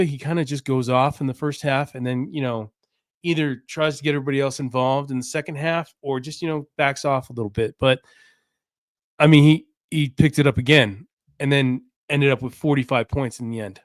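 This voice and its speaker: A man's voice: a little high, dry recording, clean studio sound. A man hosting a casual solo sports podcast, talking in a loose, rambling way with lots of fillers and restarts.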